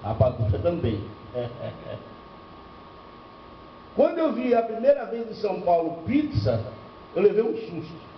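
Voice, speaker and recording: Older pastor, echoey hall. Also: male voice, sits high, huge pitch swings, unhurried, long pauses, slight background noise. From Bahia, northeastern Brazil. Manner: storytelling with rhetorical questions and humor. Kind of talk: church seminar preaching. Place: church hall. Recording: echoey lo-fi church recording from far off.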